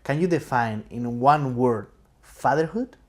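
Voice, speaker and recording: A man's voice: medium pitch, expressive, unhurried, darkish tone. Guy hosting an interview, short questions, lots of mm-hmms. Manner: brief questions, frequent affirming murmurs. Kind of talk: casual interview.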